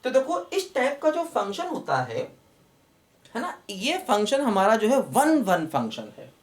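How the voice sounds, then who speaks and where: A man's voice: high-pitched, wildly swooping pitch, a little slow. A man teaching a maths lecture to students online, in a fatherly way, addressing them as children and repeatedly telling them to look and pay attention. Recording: roomy echo, mic at a distance.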